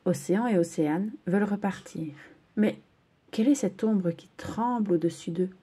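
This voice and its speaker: Gentle expressive story reader, woman, mellow tone. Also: medium pitch, normal speed, slightly rough. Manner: gentle, expressive read-aloud. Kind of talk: children's story reading.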